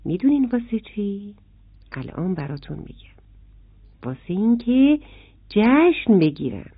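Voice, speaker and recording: A woman's voice: mid-range voice, breathy edge. Woman telling a children's story. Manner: animated, addressing children directly. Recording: dry, phone-like sound.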